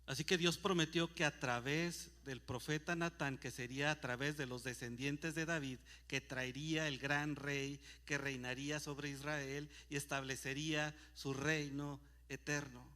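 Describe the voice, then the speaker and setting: Man, pastor preaching, slightly high voice, bright tone, emphatic scripture reading. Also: fairly even intonation, measured pace, few pauses. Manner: emphatic Bible reading with rhetorical questions. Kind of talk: sermon. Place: church.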